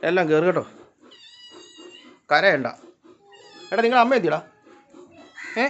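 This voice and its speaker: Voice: medium pitch, expressive, measured pace, a bit bright. Voice calling and scolding cats. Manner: coaxing and scolding animals, short calls. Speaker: vlogger feeding cats. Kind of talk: casual talk to pets. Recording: dull lo-fi sound with faint noise. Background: cats meowing.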